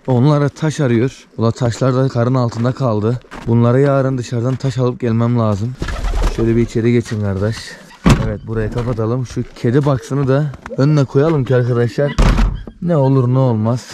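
A man doing casual vlog commentary, talking excitedly to puppies as he feeds them. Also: medium pitch, a little hiss or hum. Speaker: vlogger.

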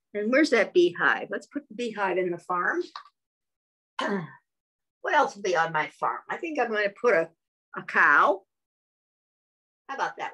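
A woman reading a picture book aloud to young children, gently explaining and checking in with little questions, clearing her throat now and then. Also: mid-range voice. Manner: gentle, slow, explaining with frequent tag questions. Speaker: children's storyteller.

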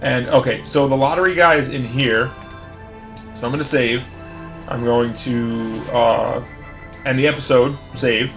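Dude talking thru a game, rambly, lots of ums, thinking out loud. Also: male voice, medium pitch, steady tone, a little slow, soft background music. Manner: rambling, thinking aloud with fillers. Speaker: let's play host. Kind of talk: casual gameplay commentary.

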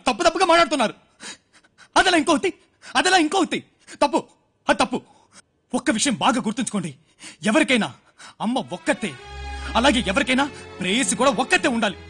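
A man's voice: very high-pitched, bright, forceful tone, exaggerated voice. A man playing a jilted young orphan in a film drama, anguished and crying, ranting and repeating his words. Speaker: heartbroken orphan lover. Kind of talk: Telugu film drama acting.

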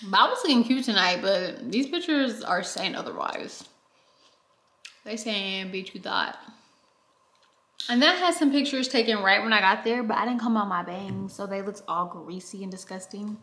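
A woman's voice: medium pitch, expressive, moderate pace, fairly bright tone, echoey room. A young woman chatting casually in a vlog at home, talking to her phone, slangy, laughing and dramatic. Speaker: vlogger. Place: at home, indoors.

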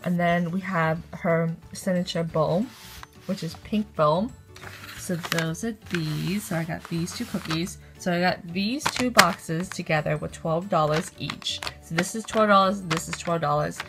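A young woman films an upbeat, casual haul vlog on a phone held at arm's length, close to the camera in her bedroom. She chats happily with frequent ums, her lowish voice keeping a measured pace over music.

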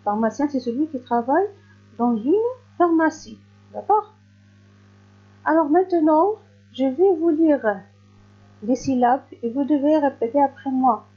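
Female primary teacher for a recorded reading lesson, stretched-out words, mellow tone, dull lo-fi recording. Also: sits high, lively intonation. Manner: slow, clearly stretched words, patient.

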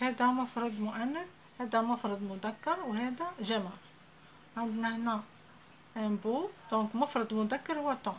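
Algerian woman teacher, higher voice, slow deliberate dictation with quick asides, muffled lo-fi recording with faint hiss. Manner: slow, deliberate dictation of French words, switching to fast Arabic explanations. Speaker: primary school teacher. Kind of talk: classroom lesson explaining French grammar. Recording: dull lo-fi audio with faint ambient noise.

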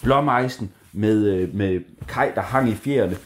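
Animated man telling a children's story. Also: fairly low pitch. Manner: animated, playful, with sound effects.

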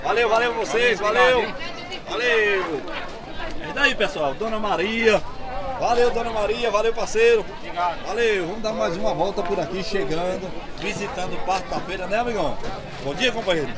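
A man's voice: high voice, moderate pace. A man with a Northeastern Brazilian accent, chatting upbeat as he walks an open-air market, greeting vendors. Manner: upbeat, chatty, says "valeu" and "aí tá certo" often. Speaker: vlogger touring a market. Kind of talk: casual street interviews. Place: busy open-air street market outdoors. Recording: loud market crowd behind.

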